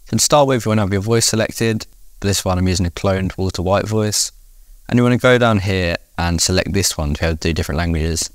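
Guy with a really deep voice walking thru a software tutorial, dry close sound, laid back. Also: fast, no echo. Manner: relaxed, explains step by step. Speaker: tutorial host. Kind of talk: casual software tutorial narration.

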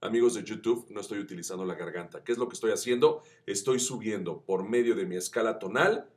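A man teaching voice acting, chatty and encouraging, who demonstrates shouts that climb up the pitch scale. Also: quick pace. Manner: addresses viewers as friends, chatty and encouraging. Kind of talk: tutorial.

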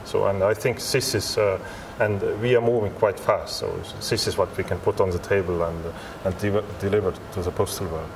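In a large glass-walled indoor expo hall, a low-voiced man representing a software company answers interview questions in halting, repetitive non-native English. His intonation is fairly even, and the clear ambient hum of the venue sits beneath him.

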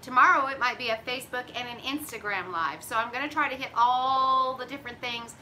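Keto cooking host, middle-aged, drawl, bright and chatty, phone mic in a home kitchen. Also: female voice, fairly high pitch, fairly quick, slight background noise, low-quality recording. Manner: chatty, folksy, drawls "y'all". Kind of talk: casual live-stream chat. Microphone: phone camera at arm's length.

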